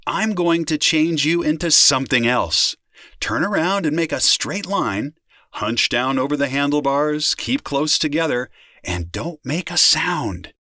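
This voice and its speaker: A man voicing a kindly police officer who gives calm, gentle commands to a group of children. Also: on the high side, a little slow, no room sound, clean studio sound.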